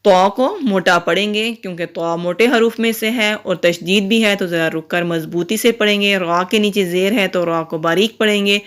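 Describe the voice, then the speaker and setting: A woman teaching Quran reading with an Urdu accent, spelling words out slowly syllable by syllable and then explaining the rules more briskly. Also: mid-range voice, a bit bright, clear, resonant tone. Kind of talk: spelled-out recitation lesson.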